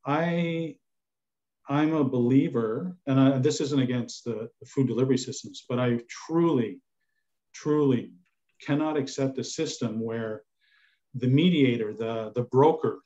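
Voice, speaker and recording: An older chef shares his opinions in a panel discussion held indoors over a video call, repeating words for emphasis. His medium-pitched voice is a little mellow, and the video-call audio sounds slightly dull.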